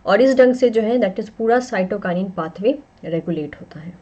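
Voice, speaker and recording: A woman's voice: mid-range voice, lively intonation, measured pace, dark tone. Indian woman teaching botany, lo-fi. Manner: explains in mixed Hindi and English, frequent "that is" and "ठीक है". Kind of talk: online exam-prep lecture. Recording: slightly dull lo-fi audio.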